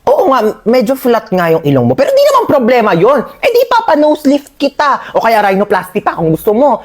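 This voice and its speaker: A woman's voice: fairly high pitch, huge pitch swings, a little fast. A woman playing a lavish doting tita. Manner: breezy, lavish, dotes with endearments. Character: rich doting generous aunt, middle-aged woman. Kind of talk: comedy skit role-play.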